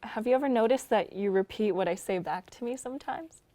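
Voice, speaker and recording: A woman playing a tender, hushed young woman. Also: on the high side, brisk, lightly acted. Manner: soft, tender, often hushed. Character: Claire, young woman facing her end. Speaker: actor. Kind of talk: staged radio-style drama reading.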